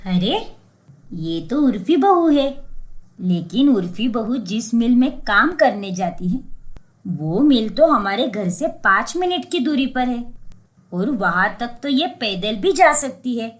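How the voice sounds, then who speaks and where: A woman voicing a kindly, curious older village mother-in-law in a cartoon story, speaking in a slow, motherly tone. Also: fairly high pitch, very animated.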